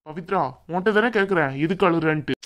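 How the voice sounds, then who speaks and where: A woman doing a young groom in a cartoon, speaking in a lowish voice for her. He is earnest and fair-minded, and he turns firm and scolding to shield his sister. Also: quick pace, lightly acted. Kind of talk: cartoon voice acting.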